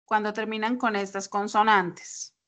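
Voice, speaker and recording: Over a video call picked up by a computer mic, a woman teaches English pronunciation in an online class. Her medium-pitched, level, slightly bright voice stays unhurried as she explains patiently step by step with examples.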